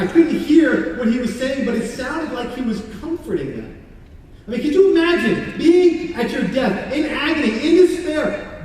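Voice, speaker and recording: A man acting out a remorseful condemned criminal in a church monologue, speaking earnestly and halting, repeating words as he goes. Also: high-pitched, a little mellow, a little hiss or hum. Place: large church sanctuary. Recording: echoey hall from far off.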